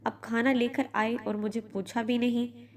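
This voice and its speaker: A woman voicing a shy, timid young bride in a narrated audio story, speaking softly and hesitantly. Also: fairly high pitch, little pitch movement, voice pushed up, lightly acted. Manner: soft-spoken, hesitant.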